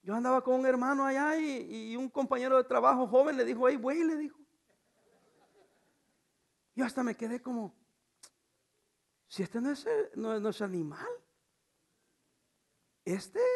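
A middle-aged male pastor preaches a sermon in a notably high, creaky voice. Moving between loud calls and soft asides, he poses rhetorical questions to the congregation and keeps things a bit jokey.

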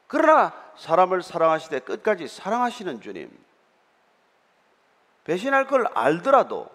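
Lively high-pitched pastor in echoing hall. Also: male voice. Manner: explanatory, conversational preaching with frequent hesitation fillers. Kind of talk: sermon. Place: church sanctuary. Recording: reverberant church hall.

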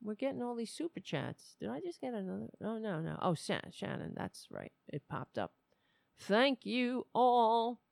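A woman hosting a live political show, chatting casually to viewers in a loose, halting, conversational way. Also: on the high side, sing-song, gravelly, darkish tone, no echo, clean studio sound.

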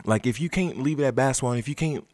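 A man's voice: medium pitch, fast talker, darkish tone, no echo, clean studio sound. A man hosting a sports podcast, ranting with passion and swearing freely as he argues his point. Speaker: podcast host. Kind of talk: heated sports talk rant. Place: basement studio.

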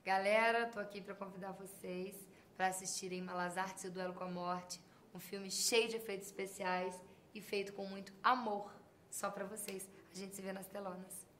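A young woman with a gentle Minas Gerais accent talks about her work in a reflective, meandering way, tagging thoughts with soft questions. She sounds set back from the microphone in an echoing room, with a faint hiss underneath. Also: medium pitch, level tone, moderate pace. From Minas Gerais, Brazil. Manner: reflective, trailing off with "sabe?" and "assim". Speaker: actress guest. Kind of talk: casual interview chat. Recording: roomy, distant mic, faint noise.

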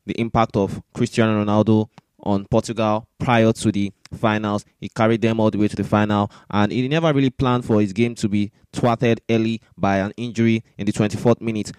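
A sports podcast host with a lowish, slightly mellow, smooth voice and no echo leads a sports discussion, offering opinionated, argumentative commentary and repeating points for emphasis.

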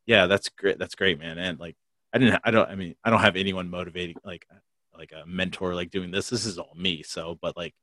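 A man's voice: sits low, fairly even intonation, a little fast, bright, forceful tone, dry recording. A man hosting a casual podcast interview, talking in a loose, rambling way full of fillers and restarts. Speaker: podcast host.

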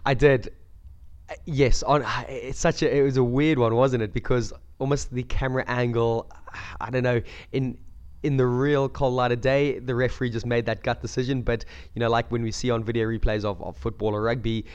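A man croaky from a cold, chatting casually about sport as a podcast co-host. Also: mid-range voice, level tone, moderate pace, a little mellow. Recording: dull lo-fi audio.

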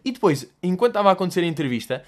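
A man's voice: high-pitched, big pitch swings, rapid-fire. A young man with a European Portuguese accent hosts a podcast in a casual comic monologue. He swears freely and breaks into voices and mimicked music. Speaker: podcast host answering listener questions.

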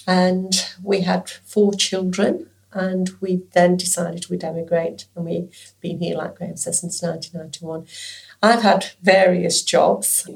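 A woman, a former nurse speaking softly and hesitantly in an interview. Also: on the low side, creaky. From England. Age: 60s. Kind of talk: conversational interview.

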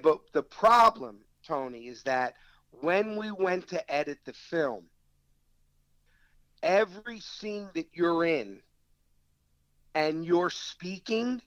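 The recording is dry and rough, carrying a smooth, high-pitched male voice with a South Philadelphia accent. He's an actor guest in a casual interview, telling lively anecdotes and quoting the dialogue of people he met.

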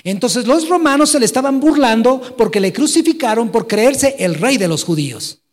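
A man preaches in a high, ringing voice. He swings between loud exclamations and hushed storytelling. His words carry through a large hall with long reverb. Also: expressive, normal speed. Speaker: pastor. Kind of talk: sermon.

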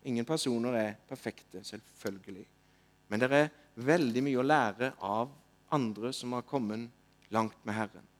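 A man preaching a sermon, telling stories in a lively way that rises to loud calls and drops to soft asides. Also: mid-range voice. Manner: animated, rising to loud calls when retelling. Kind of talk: sermon with storytelling.

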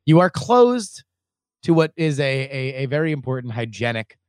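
A man's voice: medium pitch, sing-song, moderate pace, a little mellow, clear, resonant tone, no room sound, studio quality. A man co-hosting a podcast in casual chat, earnestly laying out his arguments point by point. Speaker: podcast co-host.

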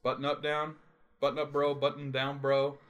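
A man's voice: a little high, completely flat delivery, moderate pace, a bit bright, lo-fi sound. A man from Canada co-hosting a casual podcast chat, joking and laughing easily as he rambles through a recap. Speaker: podcast co-host.

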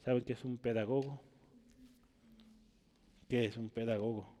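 A man preaching a Bible teaching sermon, swinging from emphatic peaks to quiet asides and often checking in with his listeners. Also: medium pitch, steady tone, moderate pace, big-room sound. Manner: rises to emphatic peaks, then drops to quiet asides; asks ¿verdad? often.

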